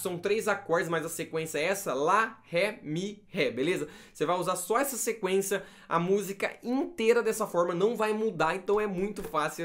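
A man teaching a casual guitar lesson, calling out chords and strum directions and checking in often with the viewer. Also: fairly high pitch. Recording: loud guitar under the voice.

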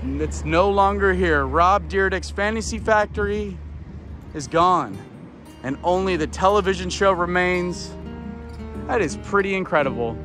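A man in his thirties telling a story on a walking tour vlog, excited and rambling with fillers, filmed outdoors beside warehouses on a camera held at arm's length. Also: high voice, unhurried. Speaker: vlogger. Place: outdoors on a street by industrial warehouses. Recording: loud music under the voice.

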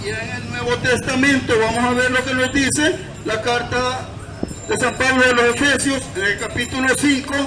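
A high-pitched Salvadoran man, steady in tone, preaches outdoors over music from a town-square gazebo, explaining scripture in deliberate, declamatory bursts. The far camera yields a distant, echoey recording crowded with traffic and people.

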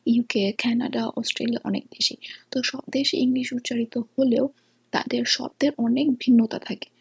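A woman explaining English pronunciation in a lesson, pausing often with fillers. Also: a little high. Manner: hesitant, many fillers, often soft and breathy. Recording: distant mic.

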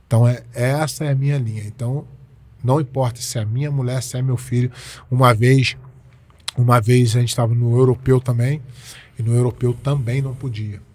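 A man's voice: mid-range voice, fairly even intonation, a little fast, a little mellow. A Brazilian man in his forties, a jiu-jitsu coach telling stories in a casual interview, emphatic and repeating his points with slangy speech. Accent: Brazilian Portuguese.

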